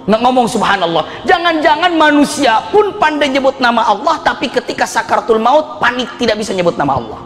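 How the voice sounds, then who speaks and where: A middle-aged man delivers an animated sermon, his fairly high voice leaping upward whenever he stresses a point, breaking into laughter between stories. The sound carries a long hall reverb, with soft music faintly underneath. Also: a little fast, hardly any pauses. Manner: animated, jumps high in pitch for emphasis, laughs often. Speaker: preacher.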